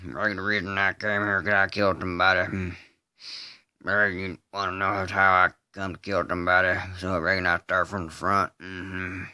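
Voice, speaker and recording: An amateur voice artist re-enacts a film scene as a slow, simple-minded rural man confessing a killing without remorse, in a Southern US drawl. His low, hard-edged, resonant voice delivers flat, halting, matter-of-fact phrases broken by grunted hums. The recording is dry, clear and studio quality.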